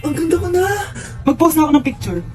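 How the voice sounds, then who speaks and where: A young woman acting out comedy skits in several roles, in a lively, exaggerated way. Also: high voice, quick pace. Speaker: comedy skit creator. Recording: echoey room with music.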